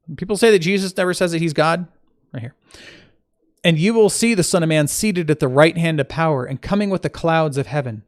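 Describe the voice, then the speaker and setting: A man reading scripture aloud. He stops to correct his own slips and adds informal asides between the verses. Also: a little high. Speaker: Bible reader.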